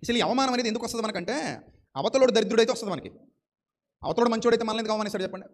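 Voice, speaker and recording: A man's voice: high-pitched, racing. A man preaching a sermon with fervent repetition and rhetorical questions.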